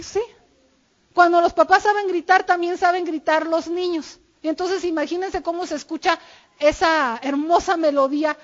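A woman gives an informal sermon-style talk on marriage. Her voice sits high, and she speaks candidly, sharing her own habits. The recording sounds dull and lo-fi. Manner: candid, confessional, quotes her husband.

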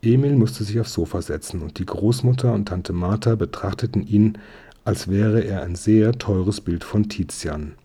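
A man reading a children's story aloud as narrator in a calm, even manner. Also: lowish voice, normal speed, breathy edge. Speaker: audiobook reader.

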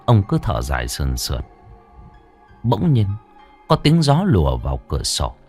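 A man's voice: extremely low pitch, wildly swooping pitch, normal speed, a little mellow, faint music behind. A man narrating a ghost story with a dramatic, swooping delivery.

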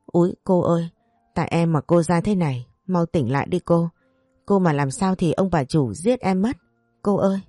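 Woman voicing a scared young servant girl, urgent pleading, dry close sound, soft music behind. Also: fairly low pitch, normal speed, no room sound, natural voice. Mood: panicked pleading. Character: frightened young girl servant, loyal and excitable.

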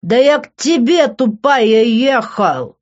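A woman reading an audiobook, voicing a drunk young man who slurs, swears and yells down the phone. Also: fairly high pitch, expressive, slow pace, voice pushed up. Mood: drunk, angry. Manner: slurred, swearing, yelling. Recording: dull lo-fi recording.

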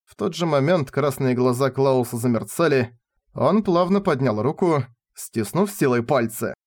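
A man reading fantasy narration in an even, unhurried way. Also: medium pitch. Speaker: audiobook narrator.

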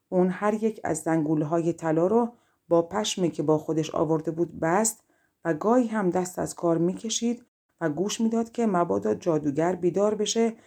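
Warm, low-voiced woman reading fairy tales. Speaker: audiobook narrator. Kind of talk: fairy-tale audiobook narration.

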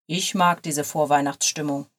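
A woman reading the lines of a young male lawyer in a lower, softer, relaxed voice. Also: moderate pace. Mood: teasing.

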